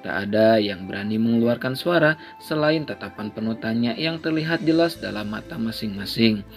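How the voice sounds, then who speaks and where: A man narrating a romance novel chapter in a steady, measured reading. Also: fairly low pitch, vocal fry, faint music behind. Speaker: story narrator. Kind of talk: storybook narration.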